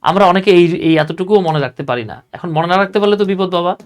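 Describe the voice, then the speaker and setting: A man's voice: high voice, clear, resonant tone. A man teaching an English grammar lesson in a casual classroom style, explaining step by step, repeating key points and asking rhetorical questions. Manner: slows down to spell out words while writing.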